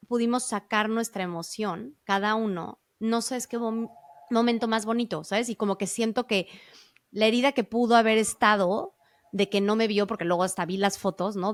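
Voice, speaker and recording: A woman host tells her own story in a lively, casual way, stumbling over fillers and starting her sentences again. Her voice sits at a middle pitch. The close mic gives a dry sound with no room echo. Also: moderate pace. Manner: animated, full of fillers and self-corrections. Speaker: podcast host.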